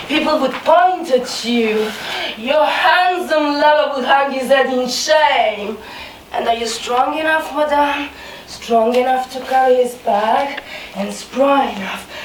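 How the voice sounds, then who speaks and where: An actress playing a mocking, unhinged maid. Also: female voice, high-pitched. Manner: mocking, theatrical, with bursts of laughter and shouting. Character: a scheming maid, a grown woman, mocking and unhinged. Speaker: stage actor. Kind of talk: live stage acting. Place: theatre stage. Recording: distant, echoey theatre recording with room noise.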